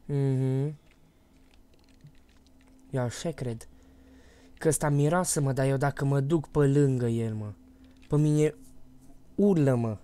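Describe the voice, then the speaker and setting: A Romanian man streaming a horror game live, chatting casually and bursting into loud, panicky repeated shouts. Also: medium pitch, smooth. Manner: panicky, loud outbursts and rapid repeated words. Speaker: gaming streamer.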